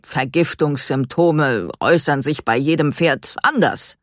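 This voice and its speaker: A woman's voice: deep voice, a little slow, no echo, clean studio sound. A woman voicing a stern, evasive male veterinarian who speaks in a curt, lecturing way.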